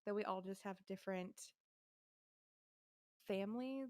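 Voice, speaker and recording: A woman's voice: medium pitch, unhurried, darkish tone, dry recording. A young adult woman co-hosting a podcast, talking frankly and laughing through tough family stories. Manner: frank, laughs while telling hard things. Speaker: podcast co-host. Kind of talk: casual chat.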